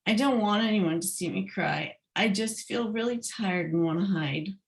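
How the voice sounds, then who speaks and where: A woman's voice: medium pitch, normal speed, vocal fry, close to an everyday voice. A woman voicing a sad, shy young twin otter who stutters, in a read-aloud children's book. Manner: tearful, stuttering.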